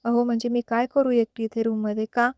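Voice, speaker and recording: Woman playing a hurt young wife, pleading and soft, storybook figure, clear voice, dry sound. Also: on the high side, level tone, brisk, no echo, close to an everyday voice. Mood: plaintive.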